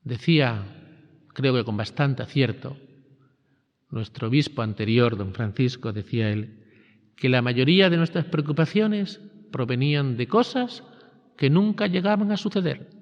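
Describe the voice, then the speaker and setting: A male priest gives a retreat sermon, and his pitch climbs and drops widely as he stresses phrases. He speaks slowly and deliberately. The sound is dull and lo-fi, with a long reverb trailing each line. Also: lively intonation. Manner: emphatic, rising and falling preaching cadence with slow stressed phrases.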